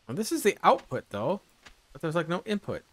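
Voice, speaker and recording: A man's voice: a little high, big pitch swings, a little fast, fairly bright tone, dry recording. A man casually thinking aloud as he plays a survival game, unsure and often muttering to himself. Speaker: gameplay streamer. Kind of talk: casual let's-play commentary.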